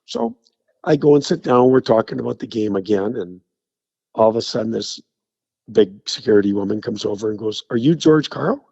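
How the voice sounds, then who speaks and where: A man's voice: on the low side, fairly quick, gravelly, slightly rough, no echo, lo-fi sound. A man telling stories as a guest on a radio show, acting out the people in them. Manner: animated anecdote teller, acts out the people in his stories.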